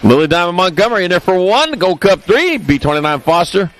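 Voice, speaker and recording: A man with a high, sing-song voice calls a live race, rapidly listing rider names and results while dropping jokey asides. Background noise can be heard.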